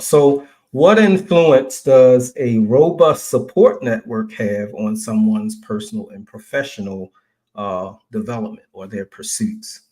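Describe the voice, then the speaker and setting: A man hosting an interview over a video call, asking halting questions full of fillers. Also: lowish voice, gravelly, warm tone. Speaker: podcast host.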